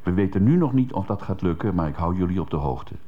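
Low-voiced man on old worn tape. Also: animated, fast talker, muffled recording. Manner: wry, sarcastic asides. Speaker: radio columnist. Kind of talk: read radio column. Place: radio studio.

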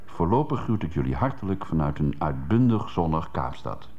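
A man's voice: rumbling low, big pitch swings, normal speed, mellow, dull audio. A man reading a radio column from a radio studio with wry, sarcastic asides, heard on an old worn tape.

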